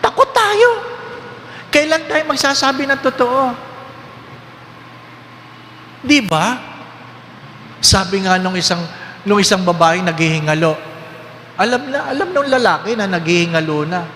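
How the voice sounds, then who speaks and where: A high-voiced priest preaches with lively humor and keeps questioning his listeners. His voice rings through a large hall with long reverb and a faint hum of ambience. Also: a little slow, long pauses. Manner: lively, questioning the congregation, joking. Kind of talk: sermon.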